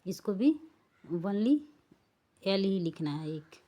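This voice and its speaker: Slow-paced woman teaching phonics. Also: medium pitch, lively intonation, warm tone. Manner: spells out letters and asks rhetorical checks. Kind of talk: slow spelling-rule lesson.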